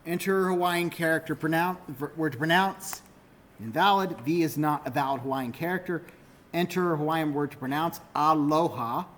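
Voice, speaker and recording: A man's voice: on the high side, moderate pace, fairly bright tone, a little hiss or hum. A male university lecturer giving a classroom lecture, explaining step by step, correcting himself often and checking that students follow.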